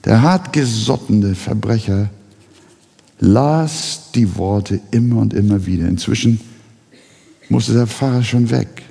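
A male pastor who preaches a sermon, telling the story slowly and dramatically. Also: lowish voice, gravelly, warm tone, husky, in a large hall.

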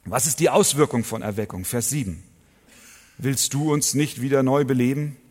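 A man preaching a sermon to his congregation, emphatic, asking rhetorical questions and swinging between loud and soft. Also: mid-range voice, normal speed. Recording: long hall reverb.

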